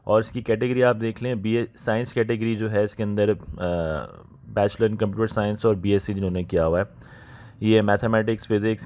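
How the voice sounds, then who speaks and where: A man, talking viewers through job openings in a casual, unhurried way, often slipping into English phrases and pausing to think. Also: fairly low pitch, darkish tone. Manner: unhurried, thinking aloud with many "uh" pauses. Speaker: channel host explaining job openings. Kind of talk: casual explanatory walkthrough.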